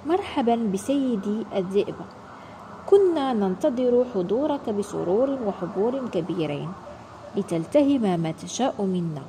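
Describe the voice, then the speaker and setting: A clever little storybook lamb, polite and flattering, as a woman reading the tale puts him on. The voice stays close to the reader's own, mellow and gentle in tone. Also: mid-range voice, moderate pace, slight background noise, lightly acted, poor audio. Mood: sweet.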